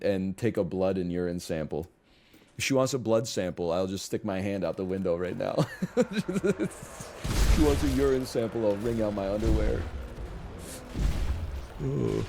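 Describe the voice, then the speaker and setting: A man's voice: lowish voice, noisy background. A man in his thirties chatting casually on a live stream, telling rambling, self-mocking stories to his viewers.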